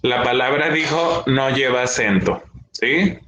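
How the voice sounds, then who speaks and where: Male teacher, young adult, slow and patient, bright, echoey classroom. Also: mid-range voice. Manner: patient, checks in often with students. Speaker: schoolteacher. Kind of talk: classroom lesson.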